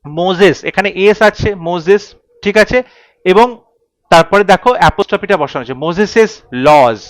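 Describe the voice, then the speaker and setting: A man's voice: sits high, a little fast, dry recording. A man teaching an English grammar lesson, explaining rules step by step and repeating the key points.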